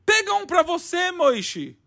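A man's voice: very high-pitched, big pitch swings, slow pace, vocal fry, pushed and bright, pitched above the performer's own voice, exaggerated voice. A man voicing a generous talking idol statue that coaxes and insists in a children's story. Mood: coaxing. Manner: coaxing, insistent.

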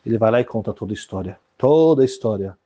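Animated man telling a story. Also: on the low side, fast, lo-fi sound. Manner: animated, repetitive, acts out dialogue. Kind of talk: oral storytelling to a group.

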